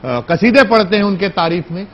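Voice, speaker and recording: You're a TV debate anchor asking pressing questions over a choppy, glitchy link that keeps cutting out; keep your voice high, husky and lively, sounding muffled. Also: male voice, moderate pace. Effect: choppy, breaking-up remote audio link. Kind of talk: live TV panel questioning.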